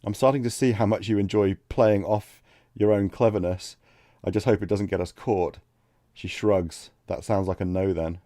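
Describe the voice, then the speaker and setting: A man streaming a text adventure, reading the game text aloud and thinking out loud between passages. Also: fairly low pitch, fairly even intonation, normal speed, no room sound, clean studio sound. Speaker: let's play streamer.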